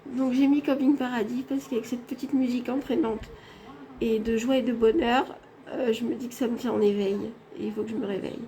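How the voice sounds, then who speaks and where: A woman's voice: on the high side, steady tone, brisk, dark tone, slight background noise. A woman vlogging casually from a hospital room, chatting directly to her viewers on a handheld phone. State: tired after anesthesia. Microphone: phone held in hand.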